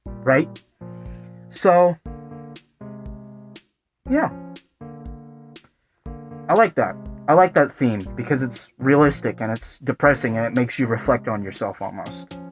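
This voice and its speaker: Young guy rambling about a show, lots of um and like, medium pitch, soft guitar behind. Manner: rambling, lots of fillers and profanity. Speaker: video essay host. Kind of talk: casual video commentary. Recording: faint guitar music behind.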